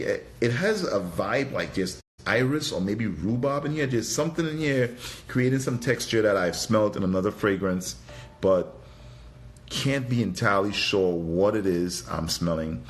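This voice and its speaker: At normal speed and with lively intonation, a fairly low-pitched man from Trinidad reviews a product live and casually. He hosts livestreams and reviews fragrances, and here he muses hesitantly, thinking aloud and frequently repeating phrases.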